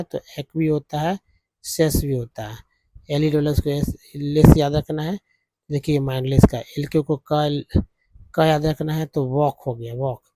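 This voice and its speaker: A man's voice: fairly high pitch, warm tone, no room sound. Patient Hindi-speaking man teaching pronunciation. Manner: patient, repeats each sound several times. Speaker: English teacher. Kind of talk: spelling and pronunciation lesson.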